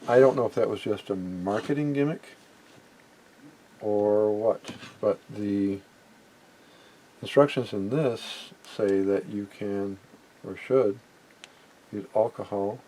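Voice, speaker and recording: In a rough home recording with background noise, a middle-aged or older man demonstrates vintage electronics as a hobbyist. His voice is fairly low and dark, and he speaks slowly with frequent pauses. The demo is unscripted and hands-on, and he muses hesitantly, often trailing off mid-thought.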